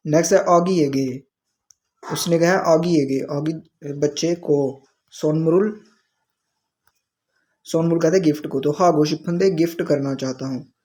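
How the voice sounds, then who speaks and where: A man's voice: fairly high pitch, a little slow, darkish tone. A man teaching a language lesson, explaining the dialogue word by word. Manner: explains word by word, with frequent restarts.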